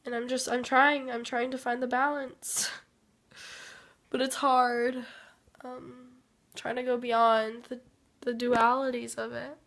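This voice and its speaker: A woman with a sick, rough voice giving a rambling personal update as a vlogger, hesitant and trailing off between thoughts. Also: on the high side, little pitch movement, slow, pauses often, a bit bright. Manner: hesitant, trailing off with many fillers.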